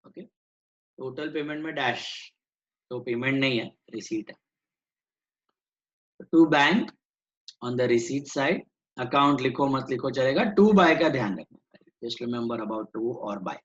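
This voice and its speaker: A man's voice: medium pitch, slow pace, pauses often, muffled recording. A man teaching an online accounts class, switching between Hindi and English and quizzing his students.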